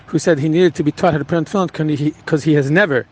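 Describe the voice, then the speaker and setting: A rabbi recounting a personal story in an earnest, halting way, with frequent restarts. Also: male voice, fairly high pitch, a little mellow, poor audio.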